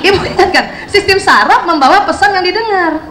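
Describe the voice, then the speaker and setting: Woman seminar speaker, high-pitched and conversational, recorded in an echoey hall with faint room noise. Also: animated, brisk. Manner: chatty, keeps asking the audience questions. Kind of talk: lively seminar talk to an audience. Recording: roomy hall sound, faint ambience.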